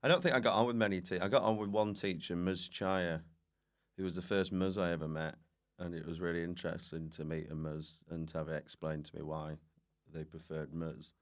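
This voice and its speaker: A man with a low, level voice talks a little fast as a guest comedian on a podcast. He tells rambling, self-deprecating comic stories with a giggly manner.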